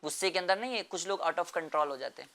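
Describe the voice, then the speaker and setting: A man's voice: on the high side, expressive, pushed and bright. A man explaining a moral lesson to children in an earnest way, repeating phrases and often checking with "right?".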